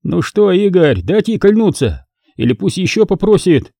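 A man's voice: high voice, big pitch swings, normal speed, creaky, warm tone, no echo, clean studio sound, pitched above the performer's own voice, exaggerated voice. A man voicing an arrogant young male student who mocks and lords it over others with condescending sneers. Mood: sneering. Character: arrogant mocking male student, power-drunk, giggling.

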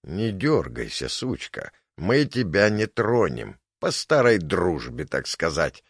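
A hulking thug from a spoken storybook, low and booming, smug and full of menace. A man plays him, pitching down with a dry, close sound. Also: big pitch swings, slow, breathy edge, no echo, exaggerated voice. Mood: threatening. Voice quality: booming bass. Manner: smug, threatening.

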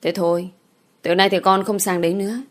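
A woman's voice: medium pitch, level tone, brisk, lightly acted. Woman reading as a fierce village daughter. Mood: pleading.

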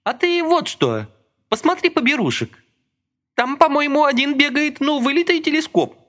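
A man voicing Masha, a coarse, blunt working woman who mocks and scolds in a high, lively voice. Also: moderate pace, heavily acted. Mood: brash mocking. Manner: brash, sardonic, blunt.

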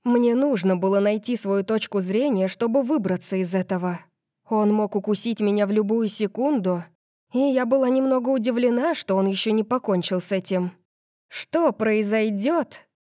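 A woman's voice: mid-range voice, moderate pace, dark tone, no room sound. Woman reading an audiobook, dry close sound. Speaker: audiobook narrator. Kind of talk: first-person audiobook narration.

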